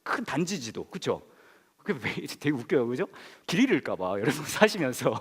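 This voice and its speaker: A man's voice: mid-range voice, very animated, normal speed, slightly rough. A man in his thirties, a pastor, telling a funny personal story in a sermon, acting out the other people's voices and laughing often. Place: church hall. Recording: long hall reverb.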